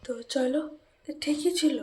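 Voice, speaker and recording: Hoarse high-voiced woman vlogger. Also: fairly even intonation, a little slow, darkish tone, poor audio. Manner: chatty, talks straight to viewers as friends. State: hoarse from a cold. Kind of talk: casual home vlog chat. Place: home indoors.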